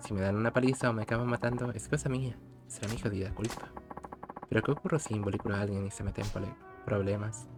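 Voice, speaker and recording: A man's voice: fairly low pitch, level tone, quick pace, close to an everyday voice. A man reading the lines of a stubborn young male journalist, earnest and determined. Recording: game music behind the voice.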